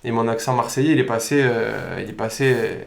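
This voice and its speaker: A man from Provence with a Provençal accent, a podcast guest telling stories in an animated, informal, slangy way. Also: mid-range voice, a little fast, vocal fry. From Provence, southern France. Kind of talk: casual podcast conversation. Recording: roomy echo.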